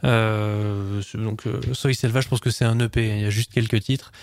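A man's voice: on the low side, fairly even intonation, normal speed, a little mellow, no echo, studio quality. A man presenting music tracks on a radio show, talking casually with a few hesitations.

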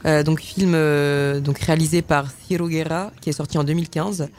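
A man's voice: on the high side, steady tone, moderate pace. A man presenting film trailers on a radio show, speaking in a hesitant way with frequent filler sounds and restarts.

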